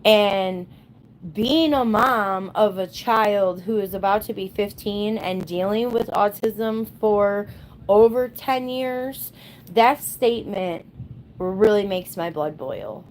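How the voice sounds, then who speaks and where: Blunt sarcastic woman ranting on her livestream, slow drawn-out talk, faint hiss behind. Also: mid-range voice, poor audio. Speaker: livestream host.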